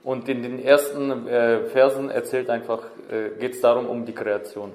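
A man's voice: mid-range voice, level tone, normal speed, a little mellow. A man interpreting a sermon live, hesitant, with many fillers and self-corrections. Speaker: church interpreter. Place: church hall. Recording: echoey church hall.

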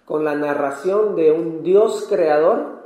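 Peruvian man preaching in an echoey hall. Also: on the high side. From Peru. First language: Spanish. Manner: calm, measured, pausing for translation. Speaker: missionary preacher. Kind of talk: sermon with interpreter. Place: church hall.

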